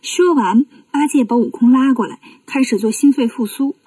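Woman storyteller for children, expressive, close dry recording. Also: fairly high pitch, normal speed, no room sound, distant mic.

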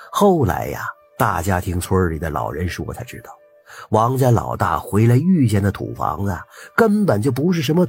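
A man, telling a folk tale in a lively, intimate way with drawn-out particles. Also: fairly low pitch, breathy edge. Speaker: storyteller. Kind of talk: oral folk storytelling.

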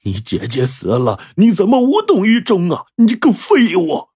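A proud official father in a spoken storybook, worn down by grief, as a storyteller puts him on. His husky, low voice swings widely between shouted rage and tearful despair. The sound is dry and close. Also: animated, slow pace, no room sound, full character voice. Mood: furious. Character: middle-aged male official, proud but broken by grief.

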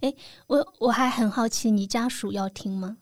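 A female podcast co-host with a slightly raised pitch who keeps the chat moving with brief comments. Her voice sounds close and dry. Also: moderate pace, dry recording. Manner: brief, steering the talk with short remarks. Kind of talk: casual chat.

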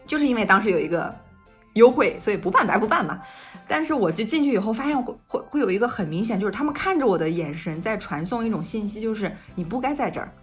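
Young woman podcast host from China, quick chatty delivery that keeps tripping into restarts, faint music underneath. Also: medium pitch. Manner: rapid storytelling with restarts and quoted dialogue. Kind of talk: casual conversational podcast chat.

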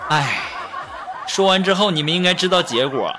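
A man hosting, telling funny childhood stories in a lively way and laughing often. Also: high-pitched, normal speed, background noise. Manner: lively, laughing often, acts out quoted parents. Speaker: comedy storyteller host. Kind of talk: comic storytelling monologue. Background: music.

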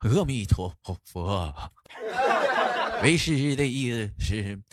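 A man voicing an old Buddhist master who speaks slowly in a low, hushed, solemn voice. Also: expressive, no room sound. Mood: mock solemn. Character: old male Buddhist master, calm and dry.

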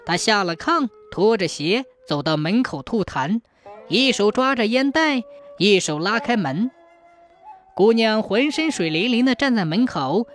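A woman narrating a ghost story in a measured, suspenseful way. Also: medium pitch.

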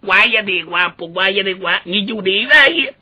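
Male storyteller as a booming old general; husky, bright. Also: moderate pace, exaggerated voice. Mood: bossy. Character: bold blustering old general, loud and joking.

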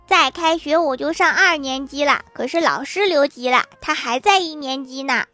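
A woman voicing a smug little schoolgirl who talks in a high, childish, drawn-out way. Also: sharp tone, faint music behind.

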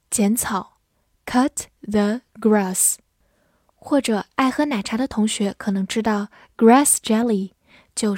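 Female English teacher, slightly high voice, deliberate model readings, dry close-mic studio sound. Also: a little mellow, no room sound. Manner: slow, careful model readings. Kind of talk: scripted vocabulary lesson.

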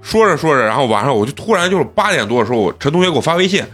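A podcast host chats through his stories at a quick clip. His husky voice swings up and down as he goes. He breaks into laughter often. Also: a little high, faint music behind. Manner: animated, laughs often while telling stories. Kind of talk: casual storytelling chat.

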